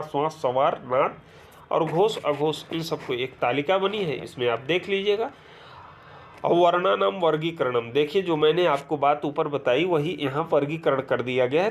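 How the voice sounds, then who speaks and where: Man teaching a grammar lesson, step by step. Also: fairly high pitch. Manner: explains step by step, often checks "clear?"; reads rules aloud, then lists letters one by one. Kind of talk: exam-prep grammar lesson.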